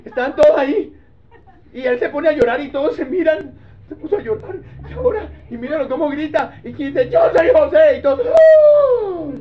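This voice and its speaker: A man pastor preaching a sermon in a lively, joking way, speaking directly to his congregation. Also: extremely high pitch, fairly quick. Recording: dull lo-fi recording.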